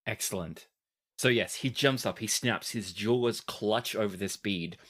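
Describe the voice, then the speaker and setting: A man's voice: on the low side, moderate pace, a bit bright. Man narrating as game master. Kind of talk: descriptive tabletop game narration.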